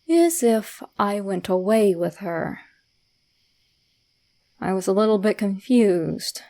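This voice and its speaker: A woman with a medium-pitched voice reads a scripted first-person horror story. She keeps it soft, hushed and measured, leaving suspenseful pauses.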